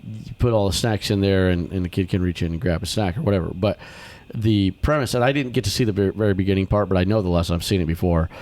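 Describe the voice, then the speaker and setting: A man's voice: quick pace, few pauses. A man hosting a casual talk about children's ministry, telling stories animatedly and acting out the people he quotes. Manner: animated storyteller, acts out quotes in higher voice. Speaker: podcast host, children's ministry. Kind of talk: casual chat.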